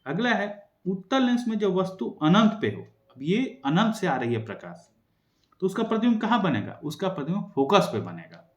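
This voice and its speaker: A young man teaching an exam-prep science lesson, quickly asking and answering his own questions. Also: sits high, big pitch swings, reverberant.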